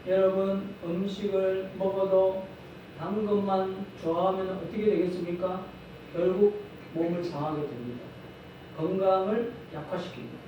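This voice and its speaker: A man's voice: high-pitched, fairly even intonation, normal speed, lo-fi sound. A man preaching a sermon to his congregation, asking them rhetorical questions and repeating key phrases for emphasis. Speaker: pastor. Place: church sanctuary. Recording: very echoey hall, mic at a distance, faint background noise.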